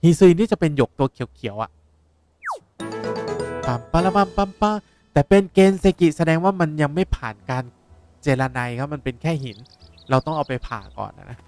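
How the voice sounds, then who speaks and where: A young man, a language teacher explaining words in a lively way while playing a game. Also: on the high side, normal speed, long pauses, faint music behind. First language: Japanese. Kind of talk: game playthrough lesson.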